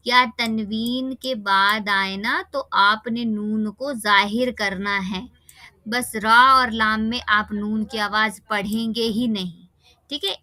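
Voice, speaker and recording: A woman teaching children Quran recitation rules in an online class, patiently checking if they follow and slowly sounding out examples. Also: a little high, sharp tone, no room sound. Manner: patient, checks understanding with "theek hai?".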